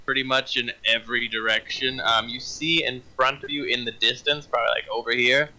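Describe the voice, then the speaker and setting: A man's voice: mid-range voice, flat delivery, a little fast, sharp tone, rough recording. A man running a tabletop fantasy game as game master, narrating scenes and calling out rolls.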